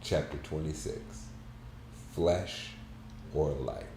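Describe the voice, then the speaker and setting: Deep, slow man reading softly in an echoey room. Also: fairly even intonation. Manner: soft, halting, measured delivery. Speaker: book club host. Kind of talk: reading a book aloud. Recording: roomy echo, faint background hum.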